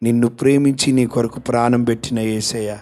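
A man pastor, preaching an impassioned sermon that swings from hushed to shouted. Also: mid-range voice, fairly even intonation, a little fast.

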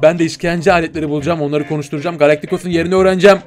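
High-voiced man barking bossy orders. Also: soft background music. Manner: bossy, barks orders as a commander; quick, excitable, slangy. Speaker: gaming video host. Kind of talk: in-character game parody commentary.

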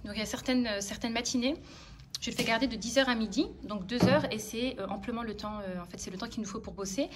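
A woman's voice: a little high, fast talker, background noise. A woman in her thirties filming a vlog at home, chatting and explaining as she teaches her children. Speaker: home-schooling mother. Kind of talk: casual vlog narration and teaching.

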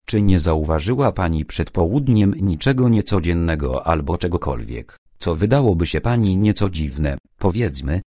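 A measured police inspector, read by a man in an audiobook, polite on the surface with a sharp edge underneath. The voice is low and deep, with a lot of lift and fall in the phrasing, and sounds close and dry. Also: expressive, no room sound. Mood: firm. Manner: measured, by turns gentle and sharp. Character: stern but courteous middle-aged male police inspector. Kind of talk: audiobook character reading.

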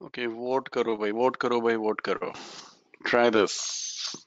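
A man's voice: medium pitch, level tone, unhurried, no room sound, dull audio. A man with an Indian accent teaching an informal online lesson, conversational and encouraging, mixing Hindi into his English. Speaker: physics teacher. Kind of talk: informal online lesson, explaining problems to students. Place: indoors, online class over webcam.

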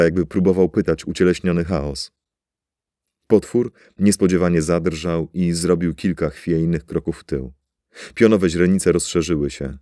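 A man narrating a science fiction story with steady, dramatic storytelling. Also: low voice, dry recording, studio quality. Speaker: audiobook narrator. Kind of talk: scripted narration.

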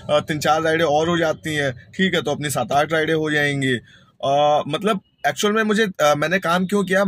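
A chatty young man talks straight to his viewers in a relaxed vlog. He drives for a ride-hailing service, and his voice sits a little high for a man. He keeps calling his audience friends and brothers. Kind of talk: casual vlog talk to camera.

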